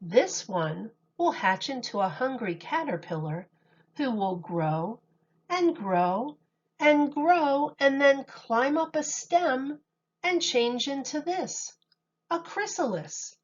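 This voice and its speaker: A female teacher reads a picture book aloud to young children, telling the story in a deliberate, expressive way. Her voice sits high, and the sound is lo-fi.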